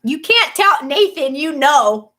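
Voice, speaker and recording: A woman's voice: high voice, very animated, slow pace, pushed and bright. A woman in her thirties hosting a casual livestream chat, chatty and rambling, laughing often between thoughts. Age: 30s. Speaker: livestream host.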